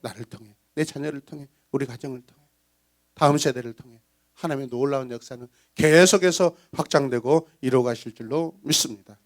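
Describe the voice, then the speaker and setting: A man preaching a Sunday sermon as pastor, animated and dramatic, acting out voices and breaking into song. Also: medium pitch, fairly quick. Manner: animated preaching, bursts into sung praise; acts out villagers' gossip in voices.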